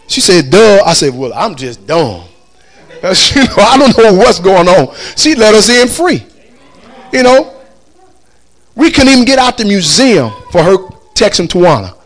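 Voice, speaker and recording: A man telling a story casually, acting out the people he quotes and laughing as he goes. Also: high-pitched. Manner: animated, acts out quoted voices, laughs often.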